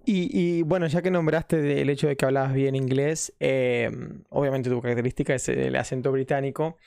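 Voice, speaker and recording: A man, hosting a casual interview and halting over his words, repeating them as he starts sentences. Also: a little high, a little mellow. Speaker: interview host.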